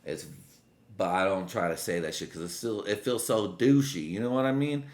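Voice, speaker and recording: A man's voice: lowish voice, moderate pace. A man in his late twenties on a drunk, loose, rambling casual solo rant, full of slang and swearing. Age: late 20s. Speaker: vlogger.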